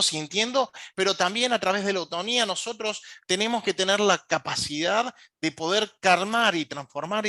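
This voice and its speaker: A man with an Argentine accent lectures as an emergency communication instructor, his voice pitched high and bright. He hesitates often on short fillers and keeps checking in with listeners. The recording is dry and close, with no room sound. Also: no echo. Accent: Argentine Spanish. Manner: asks the audience frequent check-in questions.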